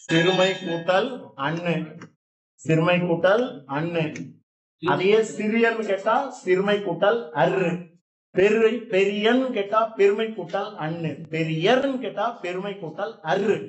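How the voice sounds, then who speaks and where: A man's voice: fairly high pitch, reverberant. A man teaching a grammar lesson in a classroom, explaining step by step and putting questions to his students.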